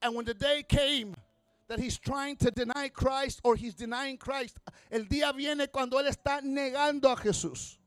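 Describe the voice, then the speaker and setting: A man preaching a sermon line by line with interpretation, impassioned and building to shouts. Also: very high-pitched, steady tone, a little slow, smooth, no echo.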